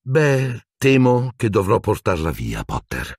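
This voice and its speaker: A stern older woman professor, clipped and icy, her voice lifted well above a man's usual low register, as a male narrator puts her on. The sound is dry and close, with a husky grain and lively rises in pitch. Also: slow, dry recording, heavily acted. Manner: clipped, cool and severe.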